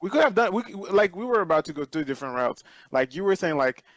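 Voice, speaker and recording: A man's voice: sits high, very animated, fast talker, dry recording, poor audio. A man in a band chatting casually, emphatic, often repeating himself for stress. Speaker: band member. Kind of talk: casual chat.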